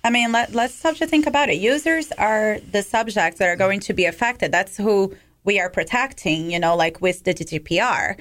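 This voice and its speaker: A woman's voice: mid-range voice, expressive, moderate pace, few pauses, fairly bright tone. A woman with a slight non-native accent, a cybersecurity company head, speaking as a guest on a radio show in a casual style full of fillers. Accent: non-native English accent. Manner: casual, many fillers like "you know, like". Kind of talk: radio interview.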